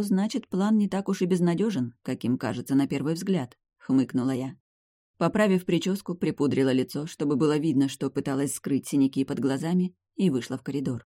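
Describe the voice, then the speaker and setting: A reader giving measured, scripted first-person narration of an audiobook. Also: medium pitch, warm tone, no echo, clean studio sound.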